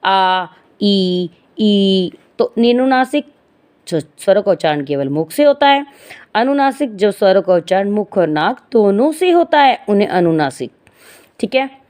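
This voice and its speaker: A woman's voice: medium pitch, very animated, moderate pace, a little mellow. Woman teaching grammar, explaining patiently. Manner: explanatory, asks and answers her own questions; stretches vowel sounds when demonstrating. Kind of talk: Hindi grammar lesson.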